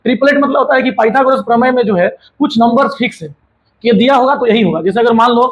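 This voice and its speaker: A man's voice: extremely high pitch, fast, poor audio. A man explaining a maths lesson in a colloquial, teasing way, often answering his own questions as if a student had asked them. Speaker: maths teacher. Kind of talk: casual classroom explanation.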